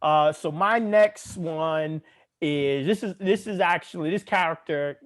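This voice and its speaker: A man co-hosting a casual podcast chat, talking in animated, profane, laughing banter. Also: a little high, a little slow. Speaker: podcast co-host.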